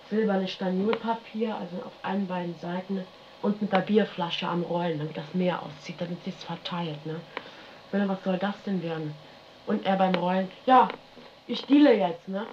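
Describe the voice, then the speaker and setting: A woman casually recounting events in a rambling, colloquial way, constantly tagging her sentences with a questioning "ne?". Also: mid-range voice. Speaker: interviewee recounting her life. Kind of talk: casual spoken recollection. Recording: dull lo-fi archival radio tape with faint hiss.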